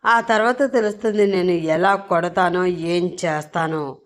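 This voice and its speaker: A woman's voice: on the low side, unhurried, close to an everyday voice. A woman voicing a scared, henpecked husband who pleads in a tearful voice. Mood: timid, pleading.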